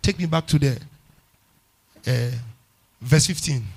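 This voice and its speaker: A man's voice: a little high, slow, slightly rough. Emphatic Ghanaian preacher man. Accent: Ghanaian English. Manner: emphatic, repeats phrases, swings from hushed to loud. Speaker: pastor. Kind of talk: sermon.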